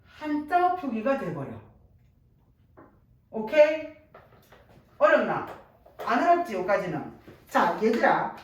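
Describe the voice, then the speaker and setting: A woman with a teaching a Korean language class, lively and constantly checking whether her students follow. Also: on the high side, slow pace, long pauses. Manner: lively, checks understanding constantly with rhetorical questions. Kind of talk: classroom lecture. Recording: echoey room, voice from a distance, faint noise.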